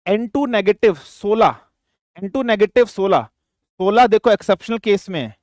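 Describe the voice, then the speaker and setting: An older man with a dry throat teaches a physics class online, his voice high-pitched with a darkish tone at normal speed. He calls his students beta, repeats his questions, and mixes Hindi and English, in a dry recording.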